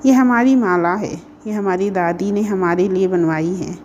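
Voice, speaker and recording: A kind, caring young boy, as a woman storyteller reads his part, gentle and reassuring. The voice is mellow and warm-toned, with faint noise behind the storybook reading. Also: mid-range voice, a little slow, dull audio, lightly acted.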